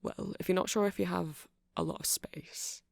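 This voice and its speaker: In a casual ASMR roleplay, a man plays a nerdy vampire who runs a music shop, rambling in a hesitant, apologetic, excitable way. His voice is high, at normal speed, with vocal fry, and he sounds eager and helpful. The recording is dry and studio quality.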